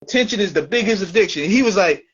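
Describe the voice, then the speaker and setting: A man's voice: high-pitched, animated, quick pace, fairly bright tone, lo-fi sound. A man hosting a casual talk show, with loose, slangy talk that keeps repeating and restarting. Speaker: show host. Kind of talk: casual chat.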